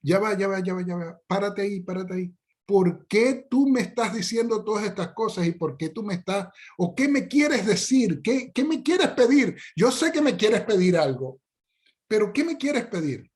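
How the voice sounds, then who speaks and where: Brief: man doing a confused dad, raised pitch, clipped repeated "stop there" energy. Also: animated, normal speed, a little mellow. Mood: exasperated. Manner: exasperated, repeated interruptions. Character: puzzled father, cutting his son off.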